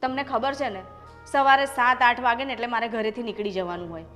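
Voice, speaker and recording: A woman's voice: fairly high pitch, fairly even intonation, fairly quick, a bit bright, natural voice. A woman playing an unhappy young married daughter and doctor, who pleads and argues with her parents in a short family drama. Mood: upset. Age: young adult. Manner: upset, pleading and defiant. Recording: long reverb with background music.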